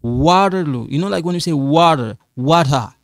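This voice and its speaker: In studio quality with no room sound, a middle-aged man's rather high voice moves with lively intonation. He is a French teacher running a classroom-style lesson, using non-native English phrasing and patient, repetitive, slow explanations.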